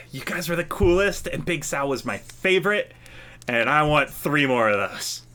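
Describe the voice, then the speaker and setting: A man's voice: on the high side, expressive, measured pace, pushed and bright. A man narrating as game master of a tabletop game, rambling with fillers and frequent laughs.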